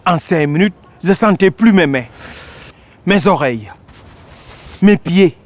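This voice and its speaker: Here a male actor from Senegal's Casamance region gives an animated stage monologue, pausing dramatically after each declaimed phrase. His voice runs high for a man, and his unhurried delivery lets every line land.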